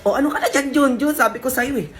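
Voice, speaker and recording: A woman's voice: high-pitched, fast talker. A woman performing a comedy skit, switching between bossy, teasing characters. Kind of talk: comedic skit acting in several roles. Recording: music playing over the skit.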